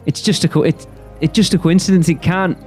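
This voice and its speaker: A man's voice: high-pitched, fairly even intonation, a little fast, a little mellow, faint music behind, voice pushed up, lightly acted. A man playing a blustering British husband. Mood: dismissive. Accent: British English. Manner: brusque, then rattled.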